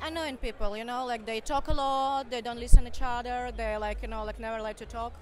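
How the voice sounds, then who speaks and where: A young woman with a Russian accent, a guest in a casual street interview, speaking halting English full of fillers. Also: a little high, steady tone. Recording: loud crowd noise outdoors. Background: busy crowd.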